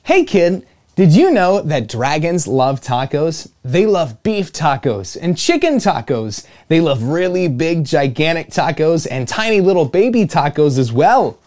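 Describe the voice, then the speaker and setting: A man in his twenties reading a picture book aloud to children as a storytime host, playful, with dramatic emphasis and pauses. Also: on the high side, sing-song, darkish tone. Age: 20s. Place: small indoor room with home studio gear.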